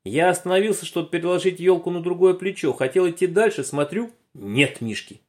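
A man narrating a children's story aloud in an expressive, animated way. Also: high voice, fairly quick.

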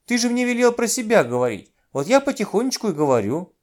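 A man's voice: very animated, fast, darkish tone. A man voicing a timid little girl who struggles to learn her letters, speaking meekly and plaintively. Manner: meek, plaintive, high childlike voice.

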